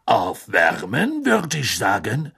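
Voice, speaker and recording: A man voicing a towering, stately and imperious headmistress in a slow, commanding manner with a faint French accent. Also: on the low side, wildly swooping pitch, vocal fry, fairly bright tone, slightly rough, exaggerated voice.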